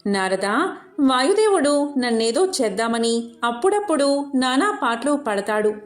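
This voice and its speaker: A woman voicing a proud, boastful giant tree in a devotional story, talking loud and bragging. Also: high-pitched, big pitch swings, measured pace, roomy sound, soft background music.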